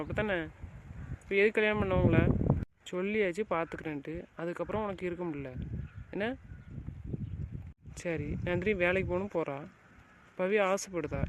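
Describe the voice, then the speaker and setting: A man plays a bossy family elder, lecturing in a high, rapid voice. Each line ends in a pointed question. Rural outdoor noise runs clearly underneath. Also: close to an everyday voice. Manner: scolding, lecturing, rhetorical questions. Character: domineering, scolding male family head. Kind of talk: village family drama acting.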